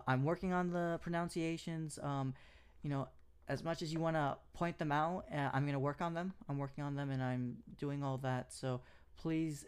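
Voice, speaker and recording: A man with a mid-range, clean-toned voice hosts his own podcast, recapping and sharing his views in a solo show. He's a native English speaker who talks casually, full of ums and restarts.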